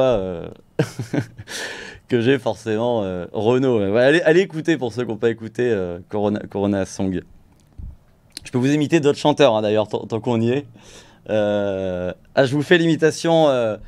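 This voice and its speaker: A man's voice: medium pitch, a little mellow. A man hosting a live stream, chatting casually about music production and his own impressions, rambling and self-mocking.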